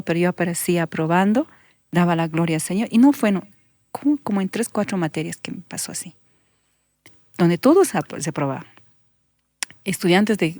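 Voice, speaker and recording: A woman pastor, giving an earnest testimony that sinks into soft whispers when she recalls her prayers. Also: on the low side, no echo. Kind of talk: emotional testimony in conversation.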